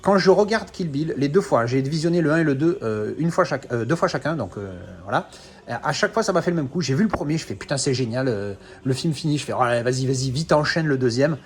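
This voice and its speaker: A man's voice: on the high side, expressive, fast talker. A man in his thirties, from France, talking casually and rambling about his film collection, with many hesitations and self-corrections. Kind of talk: casual unscripted video talk.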